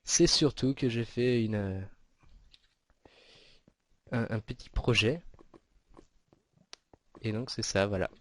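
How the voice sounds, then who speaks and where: A man's voice: mid-range voice, slow pace, pauses often, a bit bright. A man giving casual, rambling commentary over his own gameplay, with many fillers and restarts. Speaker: gaming video host.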